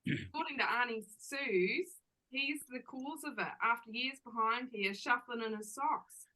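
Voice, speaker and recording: A woman playing a brash, sharp-tongued barmaid with a New Zealand accent and a bit of Australian twang, in an audio drama. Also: on the high side, measured pace, rough recording. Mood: sardonic. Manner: blunt, sarcastic, slangy banter.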